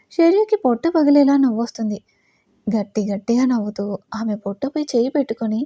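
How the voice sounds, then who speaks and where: A woman with a Telugu accent narrates a romantic audio story in a mellow, fairly high voice. She voices each character's lines herself and lifts her voice for the dialogue. The sound is close and dry. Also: no echo. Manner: reads all characters, rising louder for quoted lines.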